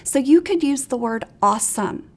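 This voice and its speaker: A woman's voice: sits high, normal speed. A woman teacher trainer giving an encouraging, practical seminar talk to preschool teachers. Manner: encouraging, practical, animated examples.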